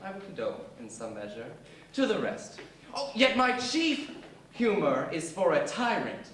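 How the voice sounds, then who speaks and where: A man's voice: fairly high pitch, very animated, moderate pace, fairly bright tone. A man playing an eager show-off amateur actor, grandiose and hammy, in a Shakespeare stage comedy. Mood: eager, pompous. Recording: echoey hall, distant mic, faint noise.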